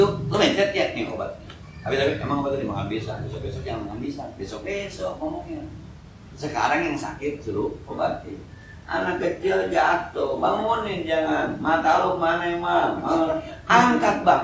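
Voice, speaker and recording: Betawi-accented preacher in an echoey mosque hall. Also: male voice, medium pitch, a bit bright, slight background noise. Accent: Betawi Jakarta. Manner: joking, acts out everyday scenes in slangy banter. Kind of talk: mosque study-circle sermon. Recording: echoey hall, mic from far off.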